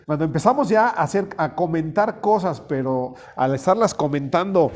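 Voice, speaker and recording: A man's voice: on the high side, moderate pace. A man preaching a conversational sermon, folksy and often asking his small congregation questions. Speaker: pastor.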